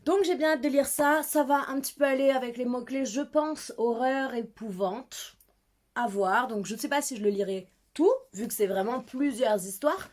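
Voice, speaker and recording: A woman's voice: high-pitched, normal speed, darkish tone. A young woman chatting casually about her reading pile, giggly and self-mocking as a book vlogger. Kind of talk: casual book haul chat.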